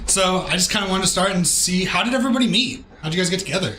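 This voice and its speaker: Bright-voiced male radio host. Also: high-pitched, animated, very fast, echoey room, slight background noise. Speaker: radio show host interviewing a band. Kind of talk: casual radio interview. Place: radio studio.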